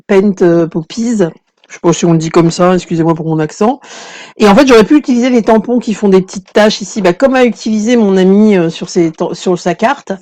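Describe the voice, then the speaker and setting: A woman's voice: medium pitch, dark tone. A woman hosting a live craft tutorial stream, chatting casually with many fillers and greeting viewers as their comments come in. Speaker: craft workshop host.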